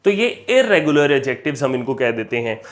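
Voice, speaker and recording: A male teacher giving a grammar lecture, explaining in Hindi-Urdu and reading English example sentences slowly and deliberately. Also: medium pitch, sing-song.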